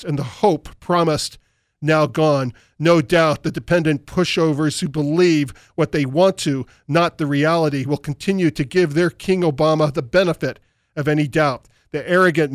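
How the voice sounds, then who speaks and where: Reading listener emails and offering opinionated commentary, this talk radio host speaks emphatically into a studio microphone. His voice runs a little high, and the sound is clean with no room sound.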